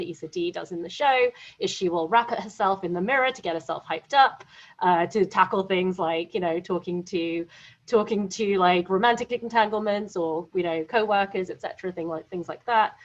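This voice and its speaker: Woman, studio founder, lively panel speaker, dull lo-fi sound. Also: fairly low pitch. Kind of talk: panel discussion. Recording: muffled lo-fi audio.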